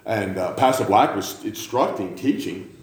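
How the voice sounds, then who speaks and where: Speaking to a church congregation, this pastor preaches conversationally, poking fun at himself and teasing his listeners as he goes. His voice sits fairly low and sounds animated, at a moderate pace. The recording carries the feel of a roomy hall with faint background ambience.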